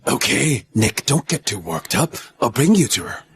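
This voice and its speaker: A man's voice: mid-range voice, sing-song, normal speed, creaky, fairly bright tone. A man voicing an anxious, placating friend in a dubbed drama. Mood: urging.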